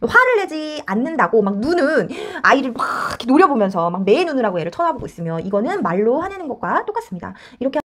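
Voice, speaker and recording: A woman child counselor giving parenting advice in a lively explanatory way, acting out the voices she quotes. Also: a little high. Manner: animated, acts out quoted voices.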